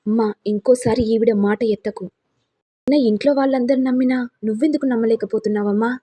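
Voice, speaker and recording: A woman's voice: fairly high pitch, fast talker, dark tone, natural voice. A woman voicing an angry young husband who taunts and accuses his wife. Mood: bitter.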